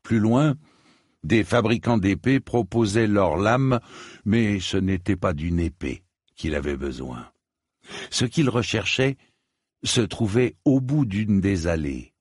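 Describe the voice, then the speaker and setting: Male audiobook narrator, deep and slow, husky grain, dry close sound. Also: expressive, darkish tone, no room sound. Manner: slow, measured reading.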